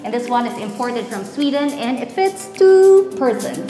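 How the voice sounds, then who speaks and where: A young Filipina woman hosts a real estate tour, walking through the rooms of a large, empty townhouse and pitching it to viewers in an upbeat, salesy way. Her voice sits on the high side, sing-song and mellow, at a moderate pace, with faint music behind her. The bare rooms give the recording a roomy echo.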